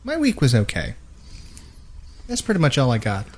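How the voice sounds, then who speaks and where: A man co-hosts a gaming podcast from a home studio with bare, unpadded walls, speaking close into a boom mic set just in front of his mouth. His mid-range voice swings hugely in pitch at a moderate pace as he chats casually, rambling and poking fun at himself.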